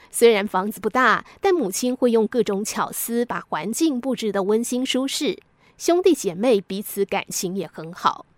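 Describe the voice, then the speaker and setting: Higher-voiced woman reading a gentle story. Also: dry recording. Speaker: podcast storyteller. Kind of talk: scripted story narration.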